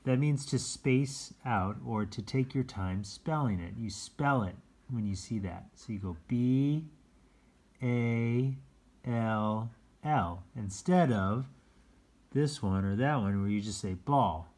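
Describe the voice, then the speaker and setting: Someone reads a children's picture book aloud slowly in a medium-pitched, darkish voice. The reading is informal and chatty, with asides and simple explanations of words for young listeners.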